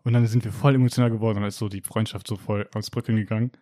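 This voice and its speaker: Young guy telling a story, mellow voice, acts out the quotes, laughs a lot. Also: on the low side, racing. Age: young adult. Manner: animated storytelling, acting out quoted lines; slangy, laughs often. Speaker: guest telling a personal story. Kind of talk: casual chat.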